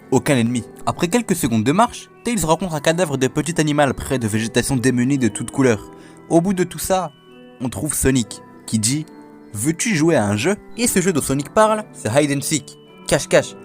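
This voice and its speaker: A man's voice: on the high side, very animated, fairly quick, soft background music. A man hosting a video, casually recounting an internet horror legend in a chatty, joking way and talking straight to his viewers. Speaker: host.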